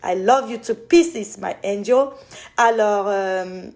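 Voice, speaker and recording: A woman's voice: medium pitch, slow pace, darkish tone. A woman with an Ivorian French accent, chatting casually with viewers in a live Q&A. She speaks affectionately to her audience and often loses track and corrects herself. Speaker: skincare brand owner answering viewers.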